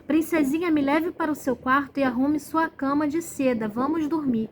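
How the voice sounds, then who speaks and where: A woman's voice: high-pitched, moderate pace, a little hiss or hum, lightly acted. A woman playing a polite storybook frog. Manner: courteous, patient. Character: hoarse-voiced polite male frog.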